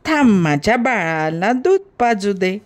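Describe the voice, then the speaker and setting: A woman's voice: medium pitch, sing-song, unhurried. Woman doing a chirpy motherly sparrow. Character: busy caring mother sparrow, hardworking and sensible.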